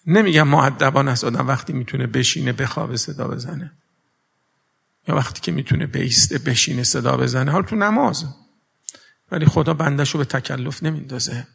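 Gravelly-voiced preacher man in a big hall. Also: mid-range voice, a bit bright. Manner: earnest, full of rhetorical questions, mixing formal and everyday speech. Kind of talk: religious sermon. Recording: long reverb of a large hall.

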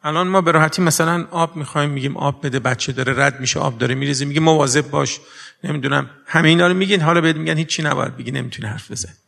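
A man delivers a religious sermon. His voice sits a little high and has a gravelly edge. He keeps asking rhetorical questions and mixes formal phrasing with everyday speech. A long hall reverb trails each phrase. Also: a bit bright. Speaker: preacher.

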